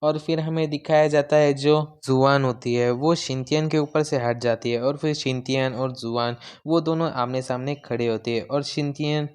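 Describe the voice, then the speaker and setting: A man's voice: medium pitch, steady tone, normal speed, few pauses, a little mellow, smooth. A man casually retelling a manga episode scene by scene, briefly voicing each character's lines. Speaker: manga explainer. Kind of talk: casual recap narration.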